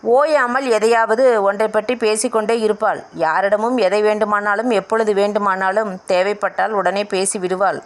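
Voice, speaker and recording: A woman's voice: medium pitch, fairly even intonation, moderate pace. A woman reading a family novel aloud as an audiobook narrator, voicing the dialogue in her own voice.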